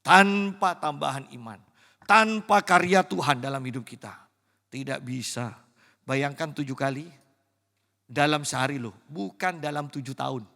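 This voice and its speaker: A man preaching a sermon as pastor, dropping to hushed, slow stresses and rising to loud, high exclamations. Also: vocal fry. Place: church sanctuary. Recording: reverberant church hall.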